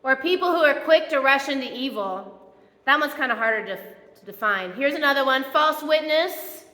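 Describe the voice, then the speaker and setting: A woman's voice: high-pitched, animated, normal speed, pushed and bright. A woman pastor giving a conversational, playful sermon in a church, acting out the quotes she tells. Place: church sanctuary. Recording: echoey church hall.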